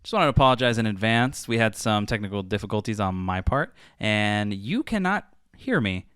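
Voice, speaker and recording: A man co-hosting a casual gaming podcast, with a tinny tin-can sound as if from two rooms away, talking in a relaxed, drawn-out way. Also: lowish voice. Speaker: podcast co-host. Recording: echoey distant mic with faint background noise.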